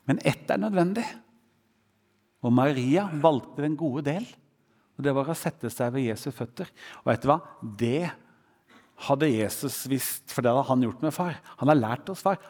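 A man's voice: medium pitch, lively intonation, a little mellow. A man preaching a sermon, quoting scripture with a rising and falling voice. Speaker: pastor. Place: church hall. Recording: church hall reverb.

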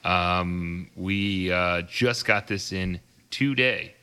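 A laid-back man with a very low but bright, sharp-edged voice talks casually on a podcast. He fills his pauses with frequent ums and uhs. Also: smooth. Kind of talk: casual chat.

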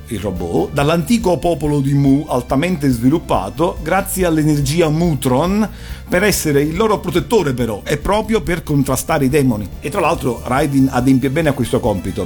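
Erudite man explaining over soft music. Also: mid-range voice. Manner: erudite, didactic. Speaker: commentator on Japanese animation. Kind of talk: explanatory talk, analysing cartoons.

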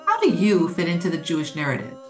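A woman's voice: fairly low pitch, huge pitch swings, fast talker, darkish tone, soft background music. A woman hosting a podcast, introducing her guest and asking questions with enthusiasm. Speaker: podcast host. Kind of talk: podcast interview.

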